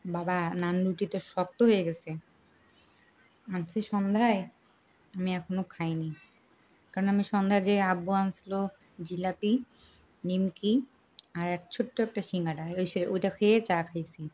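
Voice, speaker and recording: A woman vlogger from Rangpur, Bangladesh, talking softly and casually to the camera at a meal at home. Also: lowish voice, steady tone, moderate pace, long pauses. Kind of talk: casual chat to camera while eating.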